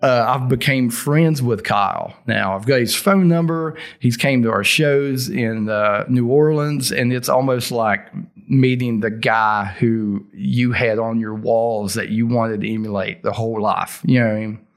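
Middle aged guy, real thick deep south accent, just chatting in an interview, folksy way of talking. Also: a little slow. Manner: informal, folksy grammar. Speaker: interview guest, heavy metal singer. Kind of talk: casual interview storytelling.

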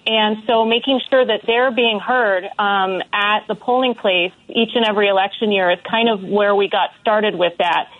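A woman's voice: mid-range voice, steady tone, moderate pace, hardly any pauses, no room sound. A woman from the Chicago area, a radio guest, talking earnestly with many um fillers. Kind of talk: radio interview. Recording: tinny phone line.

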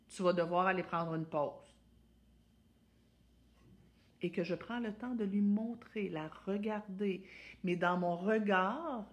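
A woman with a Québécois French accent, a parenting coach giving advice and acting out parent examples in high, exaggerated voices.

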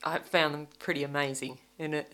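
Low-voiced woman with broad North Queensland Australian accent. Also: fairly even intonation, a little fast, fairly bright tone. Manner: informal, laughs readily. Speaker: returning podcast guest. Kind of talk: casual interview chat.

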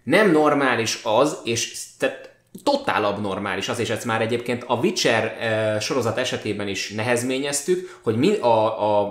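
A man co-hosting a podcast, chatting casually about films with teasing, quick asides. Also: mid-range voice, lively intonation. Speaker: podcast co-host. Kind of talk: casual film chat. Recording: roomy echo.

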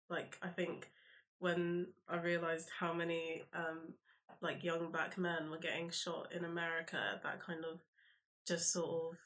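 A young woman with a South London accent chats as a guest in a casual interview. Her voice sits a little low for a woman and moves within a fairly narrow range. She talks informally and haltingly, working out her thoughts as she goes. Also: fairly bright tone. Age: young adult. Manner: informal, halting, thinking aloud. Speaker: podcast guest, university student.

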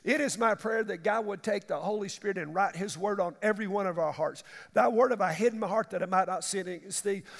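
A man preaching an impassioned evangelical sermon as pastor, dramatic in delivery, with a gravelly voice. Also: sits high, fast talker, hardly any pauses. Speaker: pastor preaching to his congregation. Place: large church hall, preaching to a congregation. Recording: echoey large hall with long reverb.

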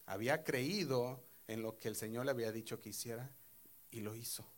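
A man preaching a sermon, retelling a Bible story with lively, acted-out quotes and sudden drops to a hushed voice. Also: mid-range voice, fairly quick.

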